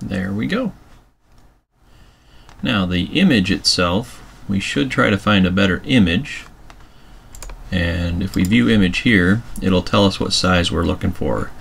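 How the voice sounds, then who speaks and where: A man calmly walking through a website editing tutorial step by step, with keyboard typing behind him. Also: low voice, unhurried, creaky, long pauses, husky. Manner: calm step-by-step explaining while working. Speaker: tutorial presenter. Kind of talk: screencast software tutorial.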